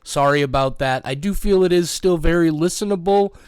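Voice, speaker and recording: A man's voice: fairly high pitch, a little fast, a little mellow, clean tone, no room sound, studio quality. A man hosting a podcast, giving a casual, apologetic spoken notice to listeners. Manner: apologetic, informal. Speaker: podcast host. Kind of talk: casual spoken disclaimer before an episode.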